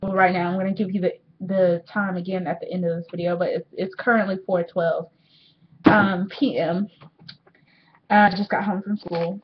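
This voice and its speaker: A woman's voice: lowish voice, level tone, normal speed, slight background noise. An eighteen-year-old woman talking candidly and rambling to a webcam at home in a casual diary vlog, swearing freely. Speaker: vlogger. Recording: slightly dull webcam audio.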